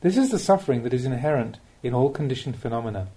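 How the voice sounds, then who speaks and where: A Buddhist monk reads a scripted spiritual teaching for an audiobook, his phrasing measured and deliberate and punctuated by rhetorical questions. His mid-range voice carries a warm tone and lively intonation.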